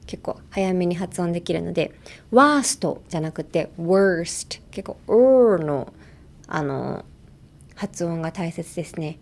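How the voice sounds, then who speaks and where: A woman's voice: fairly low pitch, normal speed, creaky, mellow. A young woman hosting a casual bilingual pronunciation lesson, playfully demonstrating sounds with repeated syllables. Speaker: English pronunciation coach.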